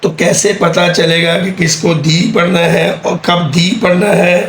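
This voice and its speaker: A man teaching an English grammar lesson, explaining slowly and patiently and repeating key words. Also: fairly high pitch, little pitch movement, a bit bright. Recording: echoey room with faint background hum.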